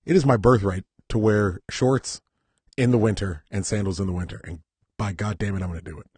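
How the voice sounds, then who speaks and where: A man's voice: on the low side, fairly even intonation, a little fast, darkish tone, breathy edge, no room sound. A man from Southern California, a podcast co-host in casual chat, talking bluntly with swearing and mock-patriotic rants.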